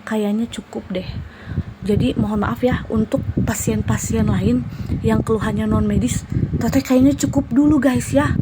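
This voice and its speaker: A woman's voice: fairly high pitch, normal speed. A young woman, a massage therapist and healer, telling a dramatic ghost story to her viewers in a casual vlog, sometimes dropping to a whisper. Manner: animated, dramatic retelling with whispered asides. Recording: steady background noise.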